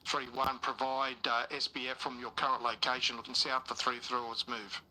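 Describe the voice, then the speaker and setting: A man giving halting, procedural military commands over a crackly radio, as a platoon leader in a military simulation game. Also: mid-range voice, level tone, sharp tone.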